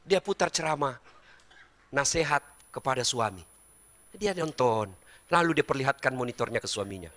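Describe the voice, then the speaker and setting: Lively, bright-voiced man preaching humorously. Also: on the high side. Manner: joking, animated, teasing the audience directly. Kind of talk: humorous sermon.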